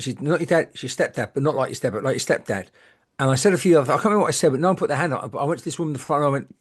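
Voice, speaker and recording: A middle-aged woman, a medium, telling candid stories in lively chat, swearing freely and acting out the people she quotes. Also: low-pitched. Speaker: guest medium.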